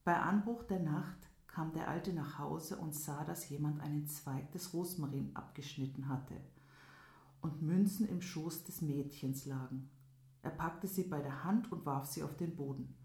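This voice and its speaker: Lady reading a fairy tale, low mellow voice, echoey room. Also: unhurried, creaky. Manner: even storytelling. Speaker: storyteller. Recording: roomy echo.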